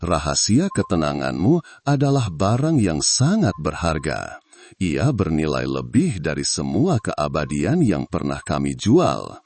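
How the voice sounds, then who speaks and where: A man narrating a storybook voices an ancient male ruler of a spirit market, cold and measured. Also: very deep voice, wildly swooping pitch, a little mellow, breathy edge, heavily acted.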